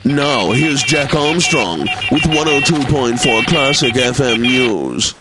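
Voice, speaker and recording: An actor voices a pompous classical radio DJ in a video game, announcing in a formal, over-polite, theatrical way with dry wit. His mid-range male voice is expressive and slow, delivering grand announcements over loud music.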